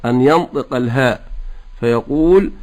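A man teaching Quran recitation, explaining pronunciation rules patiently and chanting the verses in a slow, drawn-out melodic style. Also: mid-range voice, darkish tone. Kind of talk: tajweed lesson with recitation.

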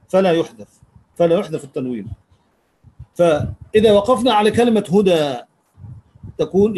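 A man's voice: sits high, warm tone, a little hiss or hum, low-quality recording. A man teaching a live lesson on Quranic grammar, patiently repeating key words and thanking listeners as he answers their comments.

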